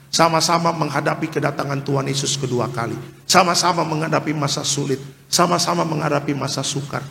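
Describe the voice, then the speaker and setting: A man preaching a sermon as pastor, animated, with acted-out quotes. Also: on the high side, gravelly, long reverb tail, slight background noise. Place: church hall.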